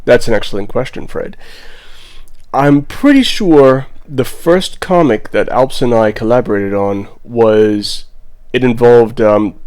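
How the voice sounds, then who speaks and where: Low-voiced man with a Bermudian accent. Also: darkish tone, smooth. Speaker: digital artist and vlogger. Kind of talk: casual vlog commentary over a drawing.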